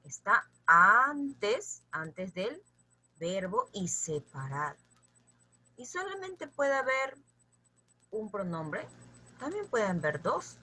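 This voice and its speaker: A woman's voice: mid-range voice, sing-song, takes it slowly, pauses often, fairly bright tone, husky. A woman teaching a grammar lesson, patiently addressing her students and checking in with them often as she repeats lists for them to memorize.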